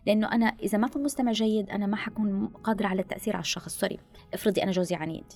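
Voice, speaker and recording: Fast-talking woman with gravelly voice. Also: mid-range voice, faint music behind. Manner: animated advice-giving, mixes in English phrases. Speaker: guest speaker on listening skills. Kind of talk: podcast conversation.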